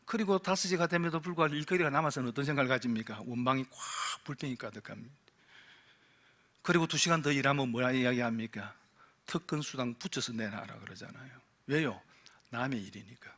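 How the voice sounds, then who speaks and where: A man preaching a Sunday sermon as pastor, asking the congregation rhetorical questions and moving between forceful emphasis and hushed, low passages. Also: quick pace. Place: church sanctuary.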